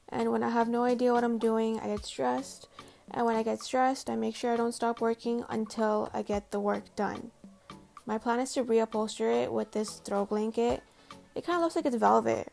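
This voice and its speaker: Speaking with vocal fry and a darkish tone at a fairly high pitch, a native Tamil-speaking woman voices a scripted home makeover narration as a DIY vlogger. Her delivery is casual, chatty and self-deprecating, with faint music in the background.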